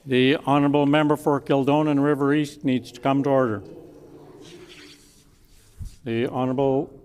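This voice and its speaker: A man's voice: medium pitch, flat delivery, moderate pace, a little mellow, a little hiss or hum. A man making firm, formal procedural announcements as the presiding officer of a legislature. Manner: formal, firm calls to order. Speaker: speaker presiding over a legislature. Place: large indoor legislative chamber. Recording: echoey chamber, background murmur.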